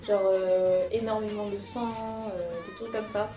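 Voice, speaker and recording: A young woman with a mid-range voice and little pitch movement talks a bit slowly as she casually chats about the manga she bought. She's a manga vlogger showing off her purchases, hesitant and full of fillers and restarts. The room is echoey, with music playing behind her.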